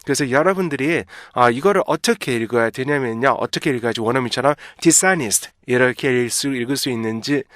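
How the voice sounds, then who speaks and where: Man, pronunciation lesson, patient explainer, slow repetitions, mid-pitched voice, very dry close sound. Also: a bit bright, no echo. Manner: explains patiently, repeats words slowly, checks in with "그죠?". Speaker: English pronunciation teacher.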